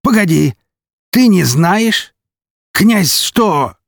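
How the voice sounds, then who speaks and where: A man's voice: mid-range voice, normal speed, gravelly, husky, dry recording, clean studio sound, voice pushed up. A man voicing a scarred, cunning count with a mocking, gleeful manner. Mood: amused. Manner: mocking, gleeful, raised lively delivery.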